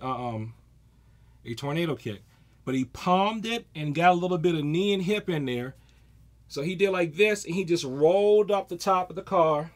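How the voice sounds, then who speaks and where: A man in his forties, a martial arts instructor, giving a casual self-defense talk and acting out stories with energy. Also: a little high. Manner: animated storyteller, acts out scenes.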